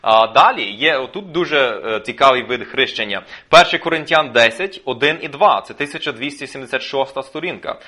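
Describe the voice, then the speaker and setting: Bright-voiced man preaching a sermon. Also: mid-range voice, expressive. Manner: teaching, explains step by step with filler pauses. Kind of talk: sermon with scripture reading.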